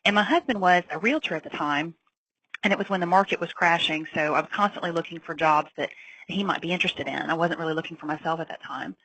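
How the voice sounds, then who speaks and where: A woman telling her career story on a webinar, in a relaxed, conversational way. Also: lowish voice, fast, slight background noise, poor audio. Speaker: webinar speaker. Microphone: online call.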